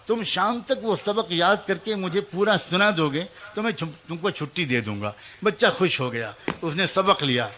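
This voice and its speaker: A man delivers a sermon as a moving story, his voice high and bright. He speaks the lines of the teacher, the child and the mother himself, with plenty of feeling. Now and then he turns to address mothers and young people directly. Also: a little hiss or hum. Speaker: preacher.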